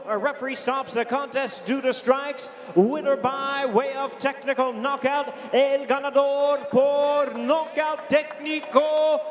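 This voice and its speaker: A man announcing the fight result in a booming, drawn-out manner. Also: fairly even intonation. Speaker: ring announcer. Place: indoor fight arena. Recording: echoey arena with long reverb.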